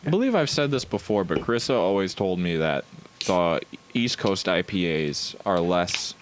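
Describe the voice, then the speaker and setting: A man co-hosting a casual podcast, relaxed and agreeable. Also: low-pitched, moderate pace, a little hiss or hum. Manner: relaxed, agreeable, lots of yeahs. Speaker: podcast co-host. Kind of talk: casual chat.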